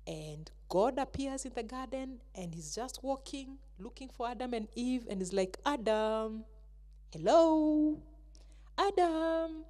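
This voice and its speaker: A woman, a Sunday school teacher telling a Bible story to children in an animated way. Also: fairly high pitch, moderate pace, few pauses. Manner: animated, acts out the characters.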